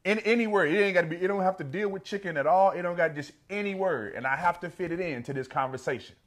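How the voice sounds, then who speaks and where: A man's voice: sits high, quick pace. A man from Texas with a Texan accent, hosting a podcast in casual, slangy banter. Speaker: podcast host. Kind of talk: casual chat.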